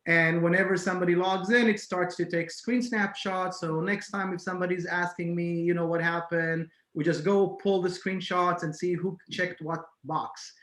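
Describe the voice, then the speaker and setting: This man grew up in Israel and speaks in a slightly raised pitch. He talks casually as a podcast guest, hesitating and restarting often. His voice carries noticeable room echo. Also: pushed and bright. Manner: hesitant, many fillers and restarts. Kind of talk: casual interview talk. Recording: echoey room.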